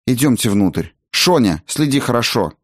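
Man doing a firm sorceress mom, even voice, bossy with her kids. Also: medium pitch, moderate pace, no echo, clean studio sound, pitched above the performer's own voice. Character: firm sorceress mother, former battle mage.

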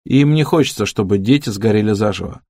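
A man reading the lines of a calm, practical woman who leads a group, in his own near-plain voice. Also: lowish voice, quick pace, no room sound, studio quality.

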